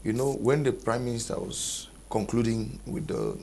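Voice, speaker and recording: A man arguing his point as a panelist in a studio panel debate, deliberate and argumentative. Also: medium pitch, vocal fry, a little mellow, a little hiss or hum.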